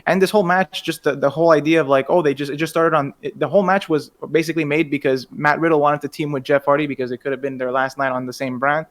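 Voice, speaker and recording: A man's voice: fairly high pitch, steady tone, fast talker, hardly any pauses. A man co-hosting a wrestling podcast, chiming in with quips and opinionated gripes in a casual chat. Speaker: podcast co-host.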